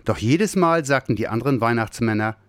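A man reading a children's Christmas story aloud, expressive and lively. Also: mid-range voice, a little fast, dry recording, studio quality. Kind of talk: scripted narration of a children's story.

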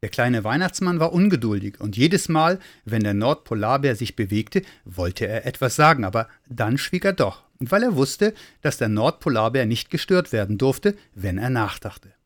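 A man's voice: medium pitch, moderate pace, hardly any pauses. Man reading a children's story. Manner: lively, expressive storybook telling.

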